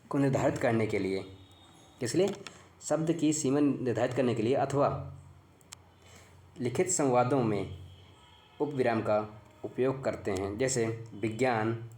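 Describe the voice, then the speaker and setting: A man teaching grammar for exam preparation in an echoey room. He quizzes the viewer by repeating his own points as questions. His voice sits at a middling pitch, and his delivery is halting and full of restarts. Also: darkish tone. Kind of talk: exam-prep grammar lesson.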